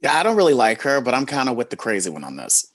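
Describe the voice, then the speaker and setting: A man's voice: medium pitch, wildly swooping pitch, quick pace, a bit bright. A man reading the part of a young woman recruit in a live script reading, with a dry, offhand delivery. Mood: wry.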